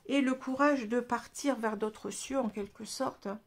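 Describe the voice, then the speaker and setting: A woman's voice: a little high, a little slow. A woman with a French accent giving a casual tarot reading, chatty, with many restarts and tag words. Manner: chatty, frequent "hein" and restarts. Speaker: tarot card reader.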